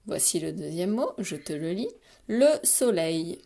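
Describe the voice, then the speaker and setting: A woman teacher giving a spelling dictation to young children, speaking slowly and pronouncing each syllable with care. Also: on the low side, animated, vocal fry, a little mellow, slightly rough. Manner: slow, carefully articulated, patient; repeats words and stresses syllables for spelling. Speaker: primary school teacher.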